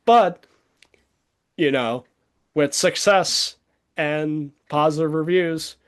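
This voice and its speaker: A man's voice: fairly high pitch, slow, clear, resonant tone. A man chatting casually as co-host, rambling with many fillers and frequent laughs. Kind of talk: casual chat.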